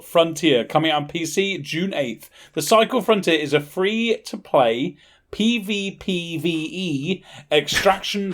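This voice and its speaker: A man's voice: sits high, fairly bright tone. A man co-hosting a gaming podcast in casual chat, teasing his co-hosts and skeptical of their claims, at times reading out game blurbs. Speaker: podcast co-host.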